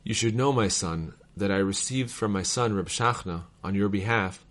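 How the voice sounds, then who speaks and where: A man reading old letters aloud in a measured, formal cadence, as a reader of devotional texts. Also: lowish voice, a bit bright.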